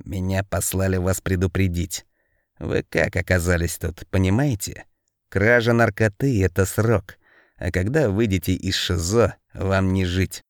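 A male reader gives voice to a dangerous, unhinged convict in an audiobook. The voice sits low and quiet, each threat laid out slowly. The recording is dry and close. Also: dry recording. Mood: menacing. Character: sinister convict enforcer, menacing calm man.

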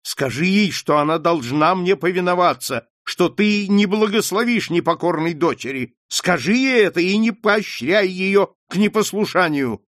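A man's voice: mid-range voice, very animated, unhurried, hardly any pauses, no echo, clean studio sound. A man reading an audiobook, voicing a cold, domineering aristocratic mother with an imperious, commanding tone.

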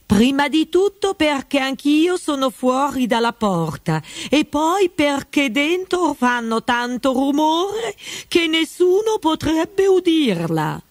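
A woman's voice: high voice, takes it slowly, no echo, clean studio sound, voice pushed up, heavily acted. A woman doing a weary, pedantic frog footman. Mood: discouraging. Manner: flatly discouraging.

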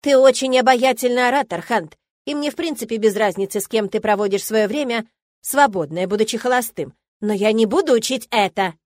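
A woman's voice: fairly high pitch, brisk, dry recording, lightly acted. A woman reader voicing a prim, disapproving old female etiquette teacher, with an indignant manner, recorded dry and close.

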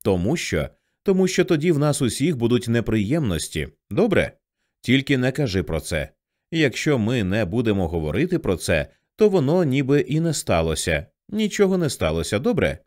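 A man voicing a frantic older teenage girl who shouts at and then pleads with her younger sister. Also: mid-range voice, very animated, moderate pace, natural voice. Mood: pleading.

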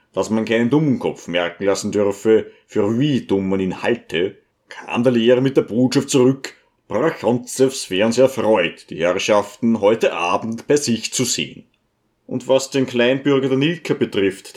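A man reading a novel aloud as audiobook narrator, measured and even. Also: mid-range voice. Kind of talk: scripted narration.

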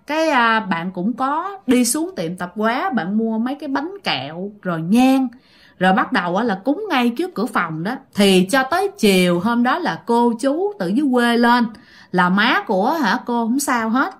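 A chatty woman with a Southern Vietnamese accent retells listener-sent ghost stories. Her voice sits a little high and moves with lively, animated pitch. She repeats phrases and speaks straight to her listeners. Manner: chatty, repetitive, addresses listeners directly. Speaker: storyteller host.

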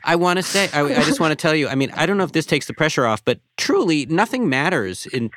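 A man hosting a show in casual chat, talking in a dry, halting, wry way. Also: a little high, big pitch swings, fairly bright tone. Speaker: host. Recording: dry studio sound.

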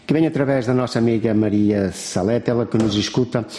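A man with a European Portuguese accent hosts a live radio show from the studio. His voice is mellow and sits at an ordinary pitch. He talks in a chatty, effusive way as he passes on listener dedications. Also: a little fast, slight background noise. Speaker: radio host.

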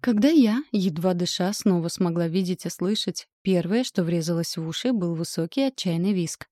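Low, dark-toned woman narrating an audiobook. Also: moderate pace, no echo, studio quality. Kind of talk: first-person audiobook narration.

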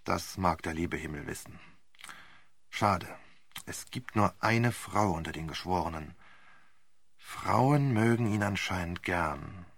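Male reader doing a growling old barrister, low, quiet, grumpy, dry close sound. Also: expressive, takes it slowly, vocal fry, pauses often, no echo, exaggerated voice. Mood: grumbling. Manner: growling, grumbling. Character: gruff, grumbling older male barrister.

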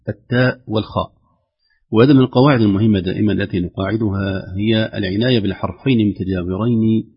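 A man with a low, husky voice teaches Quran recitation and explains how each letter should sound. He slows down and stretches his example words to demonstrate. The recording is dull and lo-fi. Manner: demonstrates pronunciation with slow, drawn-out examples.

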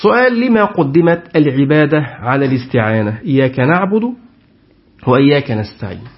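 A man's voice: medium pitch, expressive, a little fast. A man giving a Quran tafsir lesson, putting questions to his class and repeating their answers. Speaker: Quran teacher. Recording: dull lo-fi recording.

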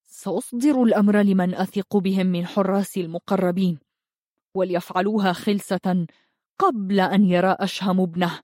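A woman's voice: medium pitch, fairly even intonation, moderate pace, a little mellow, no room sound, studio quality, natural voice. A woman voicing a ruthless, ambitious prince who speaks in a hard, clipped way. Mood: cold. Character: ruthless ambitious prince plotting murder, tense.

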